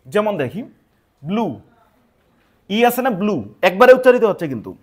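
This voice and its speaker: A man's voice: sits high, sing-song, normal speed. A man teaching English grammar, explaining step by step and often checking that listeners follow. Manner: patient, repeats points with check-in questions.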